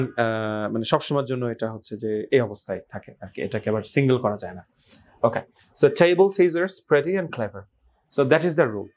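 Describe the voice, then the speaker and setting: Male teacher, patient and repetitive, drills English words slowly with quick check-ins. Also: mid-range voice. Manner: explains in Bengali, models English words slowly, repeating them; asks "right?" and praises with "good". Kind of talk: online English pronunciation lesson.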